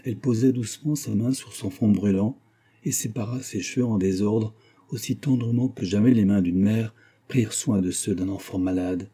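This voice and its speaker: Male audiobook narrator, measured, dramatic, low-pitched, husky. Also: warm tone. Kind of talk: scripted narration.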